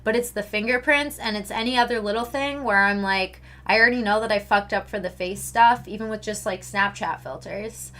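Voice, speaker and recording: A young Canadian woman chatting casually with her livestream viewers, ranting and swearing freely in an animated way. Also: medium pitch, a little fast, few pauses.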